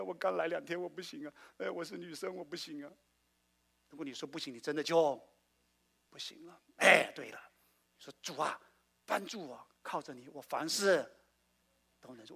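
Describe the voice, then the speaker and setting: A male pastor preaching a sermon, asking his congregation questions and swinging between loud exclamations and quiet asides. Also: fairly high pitch, slightly rough. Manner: call-and-response preaching, asks the congregation questions.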